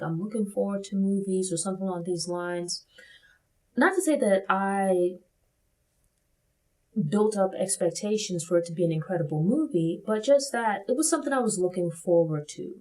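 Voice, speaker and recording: A woman from Brooklyn, New York, hosts a casual spoken film review. She talks thoughtfully at a mid pitch, often hedging her points with "like" and "you know." Her delivery sounds like relaxed conversation, not a script. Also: low-quality recording.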